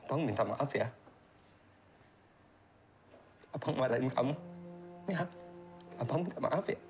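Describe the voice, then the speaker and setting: A man's voice: sits high, big pitch swings, moderate pace, fairly bright tone, soft background music. A young man playing a broke older brother who pleads over and over in a comedy film. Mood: tender. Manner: pleads over and over, frantic then tender. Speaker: older brother, taxi driver.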